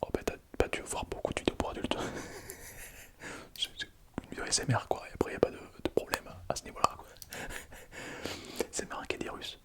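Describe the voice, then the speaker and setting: Whispering a little fast and pausing often, this young ASMR creator reads viewers' comments aloud in casual slang. His tone is playful and he laughs frequently.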